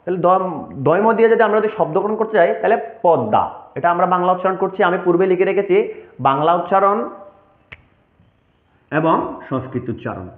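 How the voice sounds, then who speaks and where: In an online lesson, a Sanskrit pronunciation teacher with a high male voice goes through each point slowly and carefully, in a formal manner. The audio sounds tinny, like a phone line, and echoes around a large, reverberant room.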